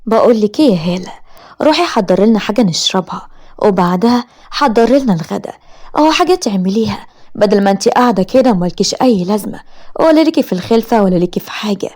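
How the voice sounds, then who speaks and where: A woman with an Egyptian accent voicing a sharp-tongued, spiteful sister-in-law in a narrated story, taunting and scornful. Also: medium pitch, expressive, racing, lightly acted. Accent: Egyptian Arabic.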